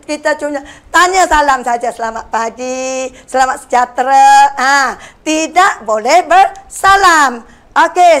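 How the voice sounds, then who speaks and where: A woman's voice: sits high, fairly bright tone. An older woman teacher with a Malaysian Malay accent, giving a grammar lesson to young pupils and answering her own questions. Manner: asks pupils questions and answers them herself, saying "okey" often; slows down and stresses key phrases for pupils to repeat. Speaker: primary school Malay language teacher.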